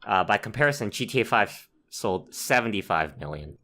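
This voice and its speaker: Podcast co-host, male, lowish nasal voice, laid-back, hesitant with lots of fillers. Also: moderate pace. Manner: relaxed, hesitant with many fillers. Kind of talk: casual podcast chat.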